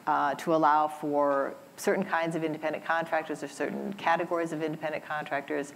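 A woman scholar speaking on a conference panel, halting, with many restarts and repeated words. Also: deep voice, level tone, vocal fry, a little hiss or hum, poor audio. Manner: halting, many repetitions and fillers. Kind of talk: panel discussion. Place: conference event room.

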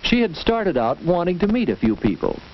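On a dull vintage film track with faint hiss and clicks, an American man tells a story in the measured, instructive, scripted way of a 1940s classroom film. His voice sits in the middle range and rises and falls with lively energy.

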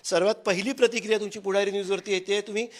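A man's voice: high voice, fairly even intonation, rapid-fire. A man, a field reporter pressing an interviewee with questions.

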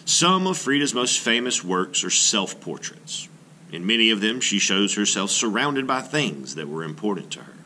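Like an art teacher with young students, a middle-aged man reads a children's nonfiction book out loud in a fairly low, bright voice. He works through each sentence with measured expression, his intonation lifting and dipping in lively fashion. Light background noise underlies the poor-quality recording.

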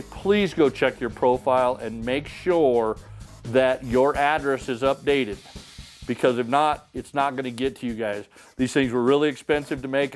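A middle-aged man hosting a membership sweepstakes drawing, talking in a folksy, upbeat way as he reads out winners and their towns in a wood-paneled room. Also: mid-range voice. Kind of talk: casual announcing to camera.

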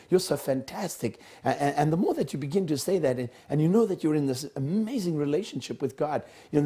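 A man's voice: medium pitch, mellow. A man from Africa speaking earnestly about worship, often stumbling and restarting his sentences. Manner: earnest, with frequent stammered restarts. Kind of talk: impassioned spoken testimony.

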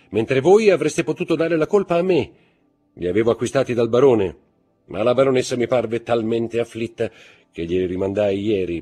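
A cool, polished nobleman, voiced by a man reading a novel speaks with measured courtesy that turns icy. The voice is low and husky, with soft music far beneath. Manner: polished and measured, icily cold at times.

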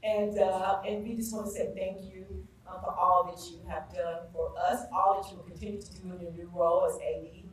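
A woman's voice: fairly low pitch, fairly even intonation, normal speed, slight background noise. A woman from South Carolina giving an emphatic tribute speech at a school ceremony, building up on repeated phrases. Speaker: school staff speaker at a ceremony. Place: school gathering space with a live audience. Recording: echoey room, voice from far off.

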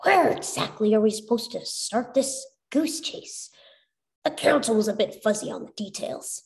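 A woman's voice: a little high, animated, moderate pace, vocal fry, darkish tone. A woman voicing a hot-headed, fuzzy male rabbit sidekick who talks in brash, grumbling slang. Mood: skeptical.

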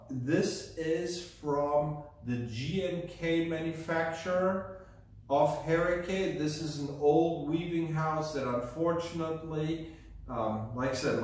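Man, German accent, middle-aged, slightly high voice, slow halting talk, lots of ums, heavy room echo, mic far off. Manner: hesitant, many ums, slow and deliberate. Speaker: host of a rug channel. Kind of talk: casual presenting to camera. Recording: very echoey room, mic at a distance.

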